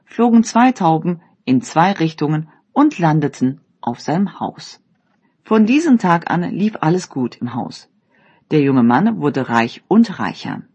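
A presenter reading a fairy tale aloud with lively, expressive intonation. The voice is husky and of middling pitch.

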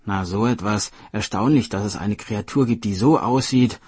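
A man voicing puzzled, hesitant court officials who mutter quickly among themselves. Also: lowish voice, darkish tone, husky, dry recording. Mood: baffled.

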